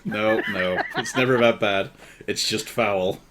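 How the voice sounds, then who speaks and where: A man's voice: lowish voice, measured pace, heavy background noise. A man running a live tabletop role-playing game, narrating scenes playfully and laughing often. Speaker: game master.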